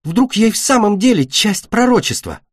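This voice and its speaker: A man's voice: high-pitched, sing-song, normal speed, darkish tone, no echo, studio quality, pitched above the performer's own voice. A man voicing an eager, anxious young female dragon in a storybook reading, raised and urgent. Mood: pleading. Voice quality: pleading, urgent.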